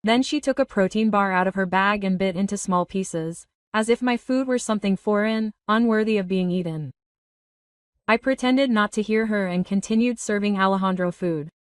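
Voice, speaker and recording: A woman reading a first-person story in a steady, even narrating voice. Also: mid-range voice, moderate pace, dry recording, clean studio sound, distant mic.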